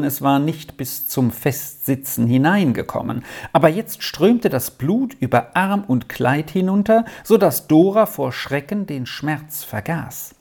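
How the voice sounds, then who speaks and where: A narrator reading an old-fashioned children's story aloud in an expressive way. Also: medium pitch. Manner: expressive, unhurried.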